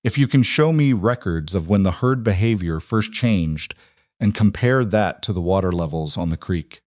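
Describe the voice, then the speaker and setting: A man voicing a steady, sure woman rancher. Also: sits low, normal speed, no room sound, clean studio sound. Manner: calm, precise, matter-of-fact. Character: determined woman rancher, quietly sure of herself. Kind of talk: audiobook narration.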